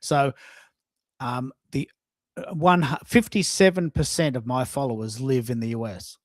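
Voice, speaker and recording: Speaking unhurriedly in a medium pitch, a social media coach hosts an online live stream from a dry room with no audible room sound. He leans on repetition, saying words again to stress them.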